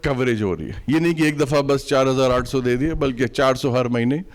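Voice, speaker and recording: A man giving a passionate fundraising speech, building to loud, preaching peaks. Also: medium pitch, a little fast. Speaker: event host and charity speaker.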